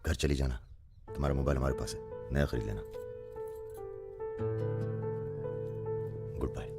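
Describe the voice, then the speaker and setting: A man's voice: very deep voice, quick pace, vocal fry, music in the background. An actor dubbing a cocky young gunman who talks in teasing, swaggering banter in a film. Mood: dry. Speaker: lead in a dubbed action film.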